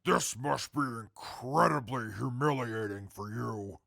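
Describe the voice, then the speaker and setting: A man's voice: medium pitch, a little slow, vocal fry, a bit bright, no echo. A man playing a haughty, mocking, pompous prisoner in an audio drama. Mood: smug, mocking. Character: haughty, mocking male prisoner, disdainful and articulate.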